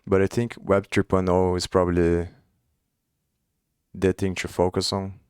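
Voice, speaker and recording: In a studio-clean, dry recording, a young man from Brazil codes on a livestream and muses aloud in English, his second language, with restarts and trailing phrases. His low voice is completely flat and unhurried, a little mellow, clear and resonant.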